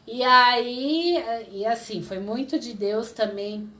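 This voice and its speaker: A Brazilian woman in her thirties telling an emotional personal testimony as an interview guest, lively and acting out what people said. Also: a little high, slow, a little hiss or hum. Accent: Brazilian Portuguese. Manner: lively, acts out quoted voices, laughs often.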